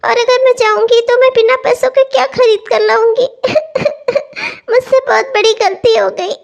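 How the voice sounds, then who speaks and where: A young cartoon housewife who loves festival shopping, voiced by a woman. Her voice sits extremely high and thin, eager when she chatters and pleading when she sobs. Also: fairly even intonation, normal speed, gravelly, highs cut off. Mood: tearful. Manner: sobbing, pleading. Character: young cheerful newlywed housewife, festival-loving. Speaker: cartoon voice actor. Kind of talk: cartoon voice acting.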